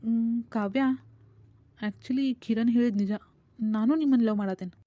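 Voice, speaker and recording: A woman's voice: a little high, moderate pace, mellow, no room sound, lightly acted. A woman with a North Karnataka Kannada accent voicing a hesitant, lovestruck young coworker in a cartoon comedy. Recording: dull lo-fi dry recording.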